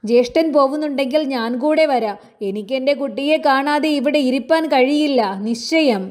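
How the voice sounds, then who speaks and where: A woman's voice: sits high, moderate pace, darkish tone, close to an everyday voice. A woman reading aloud, voicing a grief-stricken older mother who wails and laments. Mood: pleading. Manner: wailing, lamenting cries.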